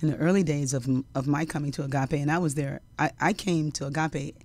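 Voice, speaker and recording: A middle-aged woman singer and songwriter, a guest in a studio interview, telling stories in a lively way, laughing often and breaking into song. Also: sits low, quick pace. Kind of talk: casual interview chat with storytelling. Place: radio studio.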